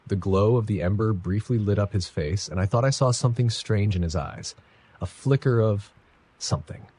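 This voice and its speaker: A man reading a first-person horror story in a measured, somber scripted narration. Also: lowish voice, darkish tone, breathy edge.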